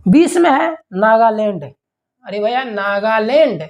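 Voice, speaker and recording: A man's voice: high-pitched, lively intonation, slow pace, lo-fi sound. A young man teaching an online general-knowledge lesson, explaining memory tricks in an informal, chatty way that repeats key words and keeps asking rhetorical questions.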